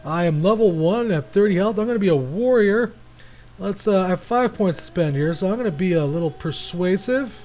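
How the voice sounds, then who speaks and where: A man's voice: high voice, lively intonation, a little fast, a little mellow, slight background noise. A man hosting a gaming channel, giving casual, rambling commentary with frequent restarts while he plays.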